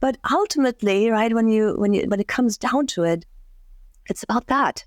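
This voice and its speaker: A woman's voice: on the high side, expressive, moderate pace, no echo. A woman from Germany, a career and life coach, talking reflectively as a podcast guest, with many restarts and fillers.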